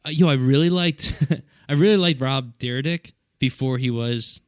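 A man's voice: mid-range voice, normal speed, clear, resonant tone, no echo, studio quality. A man co-hosting a podcast, chatting casually and laughing often. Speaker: podcast co-host. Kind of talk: casual chat.

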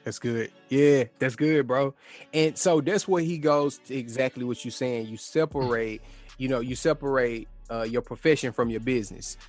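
A man's voice: medium pitch, moderate pace, darkish tone, soft background music. A man co-hosting a casual discussion, talking in a slangy, conversational way and retelling stories as quoted dialogue. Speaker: podcast co-host.

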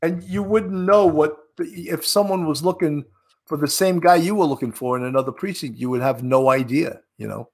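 A man, a former homicide sergeant, telling brash, animated stories in a casual podcast chat. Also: a little high, normal speed. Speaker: retired homicide sergeant, guest.

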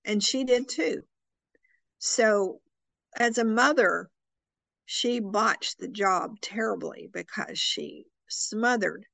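Southern lady from arkansas, fry in her voice, dry sound, emphatic storyteller being interviewed about her book. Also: medium pitch, a bit bright, dry recording. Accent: Arkansas Southern American. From Arkansas, United States.

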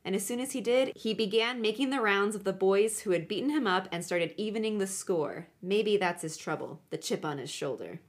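A woman's voice: mid-range voice, brisk, hardly any pauses. A woman hosting a podcast, narrating true crime in a chatty, conversational way with joking asides. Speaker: podcast host.

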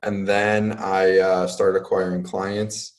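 A man's voice: low-pitched, little pitch movement, slow. A man in his twenties, a guest entrepreneur, talking casually in a podcast interview with many fillers.

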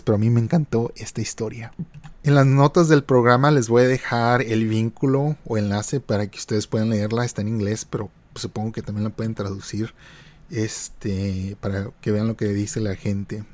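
A man hosts a podcast, reading online posts aloud and then chatting about them. His voice sits at a mid pitch, and his talk is loose and conversational, full of small hesitations. The recording is close and dry, with no room sound. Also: darkish tone, dry recording. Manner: conversational, hesitant fillers while commenting. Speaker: podcast host.

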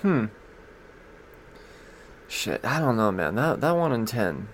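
A man's voice: medium pitch, big pitch swings, slow pace, slight background noise. A man hosting a comics podcast, going over new releases in casual, profane, joking talk and stumbling as he reads blurbs aloud.

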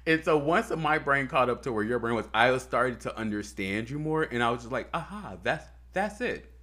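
A man's voice: medium pitch, fairly quick, bright, forceful tone. A man co-hosting a podcast, talking in a loose, heartfelt way, full of fillers and swearing. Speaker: podcast co-host. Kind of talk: casual chat.

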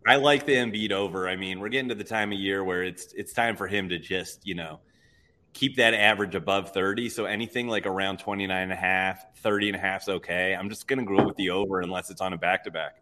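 A man's voice: low-pitched, fairly even intonation, fast talker, bright, forceful tone, slight background noise. A man appearing as a guest on a live betting show, talking through his picks in an upbeat, easygoing way. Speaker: sports bettor guest. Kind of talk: casual chat on a live show.

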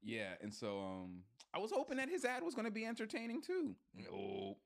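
A man co-hosting a podcast in casual chat, blunt, profane and animated, joking as he goes. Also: high voice, moderate pace. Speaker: podcast co-host.

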